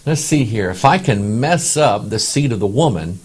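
Sly plotting devil muttering low and husky, a preacher putting him on. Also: male voice, lively intonation, normal speed, a little mellow. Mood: scheming. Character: scheming male devil plotting against mankind.

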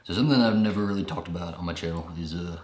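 A man's voice: low voice, rapid-fire, darkish tone, roomy sound. A young man vlogging casually about film, rambling and laughing often. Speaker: vlogger and filmmaker. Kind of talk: casual chat to camera.

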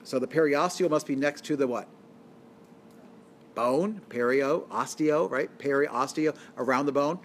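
A man's voice: mid-range voice, a little slow, a little hiss or hum. Man lecturing on biology, quizzing his class. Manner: asks the class questions and answers them himself; explains step by step and corrects himself. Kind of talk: recorded lecture screencast.

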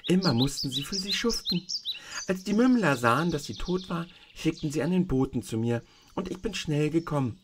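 A man's voice: lively intonation, normal speed, noisy background, natural voice. A man doing a tiny, kindly old witch. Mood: gentle. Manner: soft, gentle storyteller voice raised higher.

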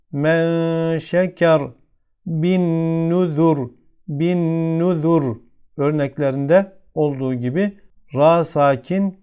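A man's voice: on the high side, darkish tone. A man with a Turkish accent teaching a tajweed lesson step by step, patiently repeating each example word. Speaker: Quran recitation teacher.

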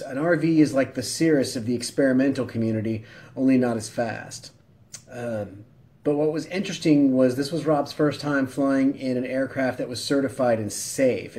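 Man, 40s, husky voice, deadpan satirical vlogger, mid pitch, straight-faced delivery. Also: rough recording. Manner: deadpan mock-earnest. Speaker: vlogger pilot. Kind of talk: satirical vlog. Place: home room, then small plane cockpit, then outdoors.

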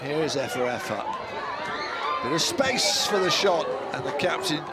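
A man's voice: fairly high pitch, sing-song, moderate pace. A man giving live football commentary in short, clipped descriptive phrases. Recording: loud crowd and outdoor stadium noise.

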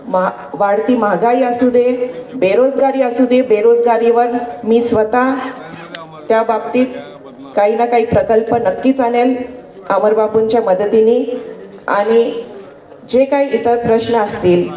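A woman from Maharashtra, India, speaking as an election candidate in a political campaign speech, delivered in measured, halting phrases with pauses. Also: fairly high pitch, steady tone, warm tone. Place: public rally through a sound system. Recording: roomy echo, distant mic, faint noise.

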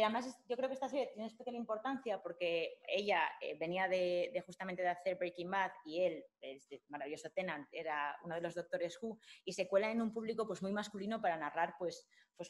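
A woman gives an academic talk with slides, speaking informally with many fillers and restarts. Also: fairly low pitch. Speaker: lecturer at a summer course.

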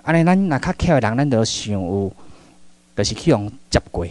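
A middle-aged man from Taiwan giving a public lecture, telling stories in an animated way that swings between loud and hushed. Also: on the low side, normal speed, dry recording.

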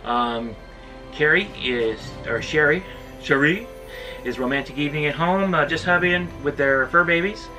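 A man's voice: on the high side, moderate pace. A middle-aged man chatting casually to camera in his RV, upbeat and full of fillers. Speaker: RV travel vlogger. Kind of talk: casual vlog talk to camera. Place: inside an RV decorated for Christmas. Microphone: camera at a distance. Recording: voice a little far from the mic, music behind.

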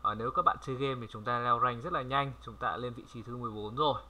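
A man from Vietnam giving a casual language lesson, chatty and repeating words slowly for viewers to copy. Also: mid-range voice, pushed and bright. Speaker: French language tutor. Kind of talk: casual screen-recorded lesson.

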